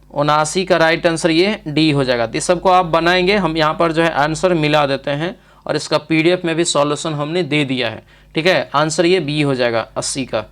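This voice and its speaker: Working through exam questions one by one, a Bihari-accented Hindi-speaking man gives an instructional lesson and repeatedly makes sure his audience is keeping up. His voice is a little high and slightly bright.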